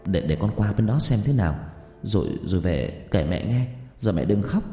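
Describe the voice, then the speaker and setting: A man voicing a shaken young village man who speaks softly and haltingly with small stammers, in a reverberant recording with faint music. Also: mid-range voice, very animated.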